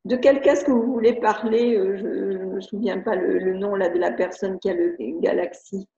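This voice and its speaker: On a live webinar, a French-accented woman educator reads viewers' questions and answers them chattily, hesitating and restarting many times. Her medium-pitched voice is warm and steady, with vocal fry and a moderate pace. The computer mic on the video call yields muffled, roomy audio with slight background noise.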